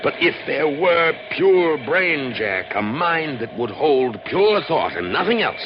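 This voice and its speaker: Intense scientist on noisy old radio. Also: male voice, a little high, sing-song, slow, highs cut off. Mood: obsessed. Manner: intense, brooding, speechifying. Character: driven, exasperated male scientist doctor of the future. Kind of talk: old-time radio drama acting.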